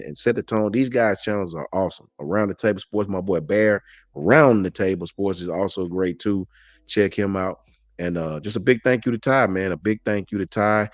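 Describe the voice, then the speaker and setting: Deep-voiced man chatting loosely. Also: no echo. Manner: rambling, repeats words, slangy. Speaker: guest on sports live stream. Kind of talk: casual chat.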